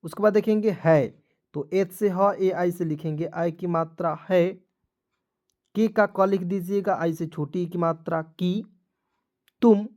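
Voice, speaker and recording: A man's voice: sits high, unhurried, darkish tone. A man giving a step-by-step online spelling lesson, often checking in with his viewers and repeating each step. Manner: repetitive, addresses viewers as friends, checks with "ठीक है". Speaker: online English tutor.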